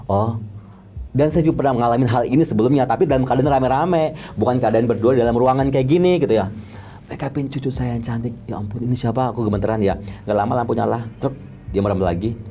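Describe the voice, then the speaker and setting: The guest, a makeup artist from Depok, Indonesia, has a medium-pitched, warm voice and talks quickly, with a little hiss or hum audible. He tells his story in casual slang, vividly imitating tapping with "tek, tek" sounds.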